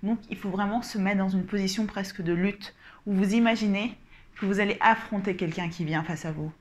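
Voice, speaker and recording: Female communication coach, mid-pitched, calm, deliberate, instructive delivery. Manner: gestures while explaining. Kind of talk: instructional coaching talk to camera.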